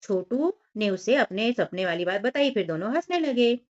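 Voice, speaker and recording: Slow, patient teacher woman. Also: mid-range voice, animated, highs cut off. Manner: slow, drawn-out syllable-by-syllable reading; addresses children directly with simple explanations. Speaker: primary school teacher. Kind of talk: workbook lesson walkthrough for young children.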